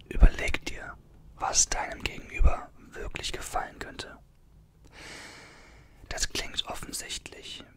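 An article is read aloud in a soft, breathy ASMR whisper by a man in his twenties, who breaks in with casual, chatty comments. He records from a small bedroom with a desktop condenser mic positioned close up.

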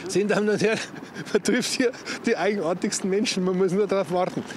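An older man hosting a street interview on a city square, chatty and teasing, asking quick questions into a handheld mic. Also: sits high. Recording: faint street traffic noise.

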